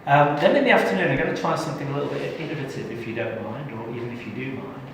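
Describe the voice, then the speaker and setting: A middle-aged Englishman runs a live tax training session in a large training room, chatty and joking as he engages the audience. His mid-range voice is very fast and a bit bright. The recording is echoey and distant, as if from across a hall, with a little hiss or hum.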